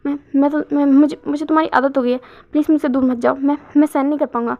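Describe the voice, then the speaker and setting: A woman voicing a pleading young man, stammering, high voice, dull lo-fi sound. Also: fairly even intonation, fast talker. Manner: stammering, pleading, repeating words. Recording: dull lo-fi recording.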